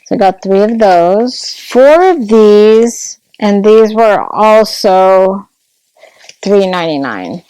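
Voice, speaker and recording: A woman's voice: mid-range voice, animated, slow pace, mellow, clean tone, no room sound, poor audio. A woman vlogging at home, chatting casually and gushing over a craft haul, sometimes dropping to a whisper.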